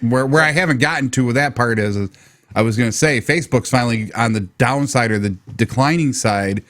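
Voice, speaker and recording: A man's voice: medium pitch, a little fast, a bit bright, no room sound, studio quality. Stuffy-nosed man hosting a tech show. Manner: rambling, many fillers and restarts. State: stuffy nose from allergies. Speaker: tech talk show host. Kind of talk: casual live radio-style chat. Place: home basement studio.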